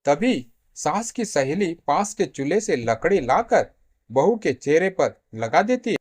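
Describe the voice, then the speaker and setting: A man narrating a family drama story in a dramatic, expressive way. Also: a little high, a little slow, dry recording.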